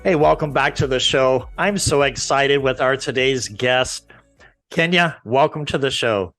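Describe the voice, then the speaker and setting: Male interview host, informal and rambling, medium pitch, dry close sound. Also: measured pace, a bit bright, dry recording, soft background music. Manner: informal, rambling, loses his thread. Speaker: podcast host and counselor. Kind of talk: interview hosting.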